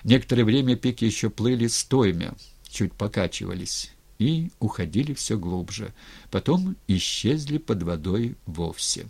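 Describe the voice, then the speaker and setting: A man reading a historical novel aloud in an expressive, dramatic way. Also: fairly low pitch, normal speed, creaky, breathy edge. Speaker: narrator. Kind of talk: audiobook reading.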